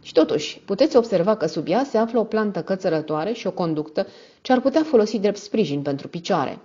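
A woman voicing a calm, courteous and shrewd male detective who speaks politely and in measured tones. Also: mid-range voice, slightly rough, dull audio, voice pushed up. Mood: amused.

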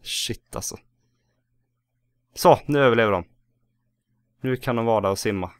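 In a dry, studio-quality recording, a Swedish-accented man with a smooth, medium-pitched voice talks through a let's play. He's chatty and self-talking, cursing at little mishaps and now and then bursting into excited yells.

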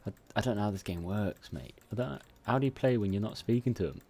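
A man's voice: fairly low pitch, lively intonation, fast talker, mellow, husky. A man giving casual, sweary, nervous commentary on his own gameplay. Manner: nervous, sweary, chatty self-talk. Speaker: gamer.

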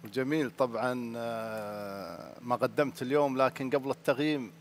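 A man, a judge on a televised singing competition, giving appreciative feedback with drawn-out hesitations. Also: mid-range voice, slight background noise. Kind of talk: on-air critique.

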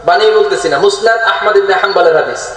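Brief: male preacher, high voice, conversational storytelling sermon, heavy PA echo at an outdoor gathering. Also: fast talker, fairly bright tone. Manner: colloquial, questions the crowd directly. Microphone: loudspeaker PA.

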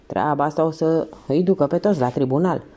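A woman voicing a crafty, hoarse old newspaper seller who grumbles slyly, in an audiobook reading. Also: sits low, warm tone.

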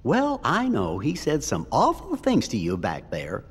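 Brief: game cutscene, a gentle cricket conscience, husky and hugely animated. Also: male voice, mid-range voice, measured pace, long reverb tail, heavily acted. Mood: reassuring. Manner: gentle, reassuring, folksy. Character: kindly little male cricket conscience. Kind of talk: video game cutscene dialogue.

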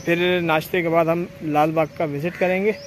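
A man's voice: a little high, flat delivery, moderate pace, a little hiss or hum. A young man vlogging outdoors in a chatty way, speaking directly to his viewers through a lapel mic. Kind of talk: casual travel vlog. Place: outdoors under trees, then riding a motorbike on dusty rural roads. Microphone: clip-on lapel mic.

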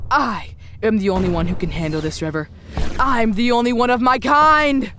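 A woman's voice: fairly high pitch, moderate pace, slight background noise, close to an everyday voice. A woman playing a stubborn, self-important young superhero loner in a children's audio drama. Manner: dramatic, shouting sound-effect words. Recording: voice under loud music.

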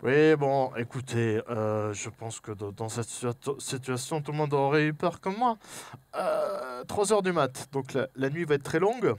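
Un homme à l'français qui commente en direct un jeu d'horreur, entre chuchotements tendus, cris et blagues. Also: male voice, medium pitch, measured pace, no room sound. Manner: jokey, jumpy, swings from whispers to yelps. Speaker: let's play host. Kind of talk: horror game let's play commentary.

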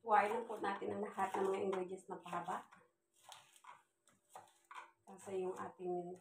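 Casting: casual woman vlogger, medium pitch, echoey kitchen, faint background noise. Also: level tone, moderate pace. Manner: chatty, self-deprecating, laughs at herself. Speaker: cooking vlogger. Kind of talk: casual cooking vlog narration. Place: home kitchen.

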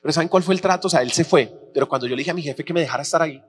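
A fairly high-voiced man preaching from a church stage. He tells his stories with lively, acted-out voices. His voice rings with long reverb over a faint electrical hum. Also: very fast. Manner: animated storyteller, acts out dialogue with shifting pitch. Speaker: pastor. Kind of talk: sermon with personal storytelling. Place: church auditorium.

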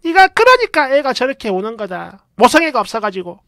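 A woman doing a shrill scolding mother-in-law. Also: very animated, fairly quick, a bit bright, dry recording, clean studio sound, full character voice.

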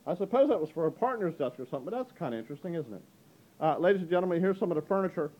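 A middle-aged man, an auctioneer, walking through an indoor antique gallery with a handheld camera and chatting upbeat about the items, often saying "ladies and gentlemen". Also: a little high, expressive, racing, dull audio. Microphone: handheld camera mic, speaker behind the camera.

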